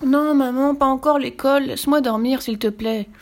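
A woman's voice: sits high, normal speed, pitched above the performer's own voice. A woman doing a cheeky little boy. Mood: cheeky, excited. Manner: whiny, excitable. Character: cheeky young boy, stubborn and mischievous.

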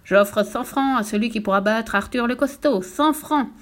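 A woman voicing a pompous, grumpy circus ringmaster who makes slow, showy announcements in a storybook reading. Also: on the high side, fairly bright tone, natural voice. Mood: grandiose.

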